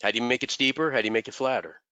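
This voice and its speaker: A trading mentor talks rapid-fire in a mid-range, bright, forceful voice during a loose live session, congested, rambling and often repeating words. The desk microphone gives a clean tone and a dry recording.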